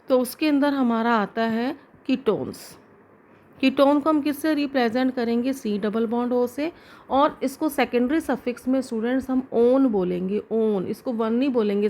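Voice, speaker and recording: A woman's voice: on the high side, a little hiss or hum. A woman teaching chemistry to students step by step, often asking a question and answering it herself. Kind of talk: classroom lecture to students.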